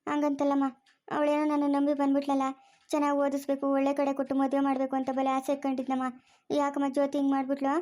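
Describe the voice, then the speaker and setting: A woman playing a worried young mother who soothes her baby and pleads softly, with a rural Chikkaballapur Kannada accent. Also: high-pitched, monotone, quick pace, close to an everyday voice. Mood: pleading. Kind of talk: family drama acting.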